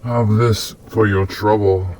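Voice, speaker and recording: A man voicing a weary, gruff camp sentry with a dark, gritty delivery in a fantasy audiobook. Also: lowish voice, little pitch movement, takes it slowly. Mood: gruff, quiet.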